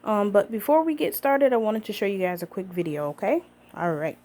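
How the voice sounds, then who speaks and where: A woman's voice: medium pitch, big pitch swings, fairly quick, warm tone. A woman working as a nurse, giving an upbeat health lesson to camera and checking in with viewers as she goes. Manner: upbeat, addresses viewers as guys, checks in with okay.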